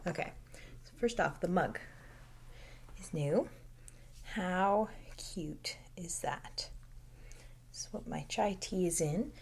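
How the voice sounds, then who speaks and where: A young woman hosting a casual knitting podcast from home, speaking softly and often dropping to a near-whisper. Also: fairly low pitch, slow, gravelly, pauses often, slightly rough. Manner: soft-spoken, drifting into near-whispers.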